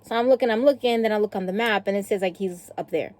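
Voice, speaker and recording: A woman from South Africa telling a story casually to camera, animated, acting out the dialogue and swearing offhand. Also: medium pitch, fast. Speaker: vlogger.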